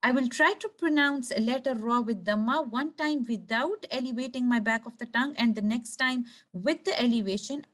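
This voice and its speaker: Lady tajweed teacher, kinda high voice, slow careful letter demos. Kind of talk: recorded lesson narration.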